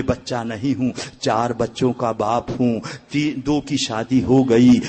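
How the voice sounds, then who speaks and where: A man's voice: mid-range voice, a little mellow. Middle-aged male preacher from India, mid-range voice, fiery sermon full of stories and mocking acted-out dialogue. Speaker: religious preacher. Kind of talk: fiery religious speech with storytelling.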